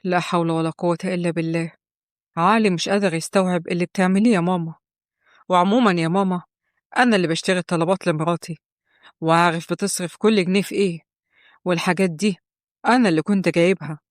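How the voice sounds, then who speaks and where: Woman putting on a lower-voiced mild Egyptian young husband, soft pleading storybook voice, dry close sound. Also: steady tone, quick pace, long pauses, no echo, lightly acted. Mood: firm. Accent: Egyptian Arabic. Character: young married man, gentle and dutiful son.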